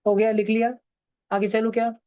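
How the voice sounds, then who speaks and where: A man's voice: high-pitched, little pitch movement, normal speed, no echo. A man, teaching science in an online class and teasing his students. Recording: dull, dry online-class audio.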